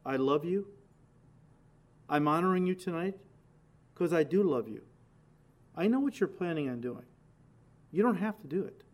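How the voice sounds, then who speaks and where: Gentle, hushed man pleading with a friend , as a preacher puts him on; soft and tender, higher-pitched voice. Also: animated, normal speed, long pauses, natural voice.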